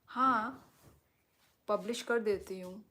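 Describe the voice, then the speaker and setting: A woman's voice: mid-range voice, slow, bright, forceful tone. A woman hosting a live stream, reading viewers' comments and reassuring them at length. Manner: talks directly to viewers, reassuring and explaining at length. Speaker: livestream host.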